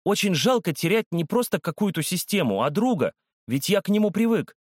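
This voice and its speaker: A man's voice: high-pitched, big pitch swings, fairly quick, no echo, studio quality, pitched above the performer's own voice. A man voicing a loyal, hot-tempered schoolboy who speaks emphatically in a storybook. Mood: pleading.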